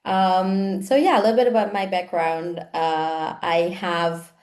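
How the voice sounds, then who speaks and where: A woman's voice: lowish voice, fairly even intonation, unhurried, a little mellow. A woman from Italy, a coach chatting casually as an interview guest and peppering her talk with "like". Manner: chatty, frequent "like" fillers. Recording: roomy echo.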